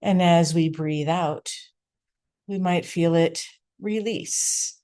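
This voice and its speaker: Long pauses fall between each gentle phrase as a woman calmly guides a meditation without hurrying. Her pitch is fairly low and her intonation fairly even.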